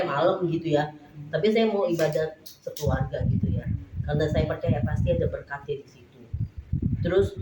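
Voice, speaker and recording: A middle-aged woman giving a casual church testimony, retelling family stories with lots of quoted dialogue. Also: low voice. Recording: echoey room with background noise.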